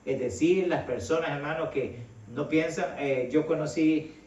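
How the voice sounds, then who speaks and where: A man's voice: a little high, unhurried, darkish tone. A middle-aged man from El Salvador, preaching a sermon in a conversational way and often calling his listeners brother. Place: church hall. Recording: echoey hall, voice from a distance.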